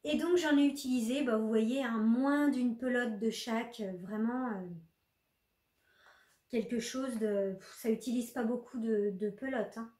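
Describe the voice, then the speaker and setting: Woman, knitting vlogger, casual chatty talk, fairly high voice, roomy echo. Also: measured pace, darkish tone. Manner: chatty, many fillers and restarts, addresses viewers. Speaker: knitting podcaster. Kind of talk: casual knitting vlog chat.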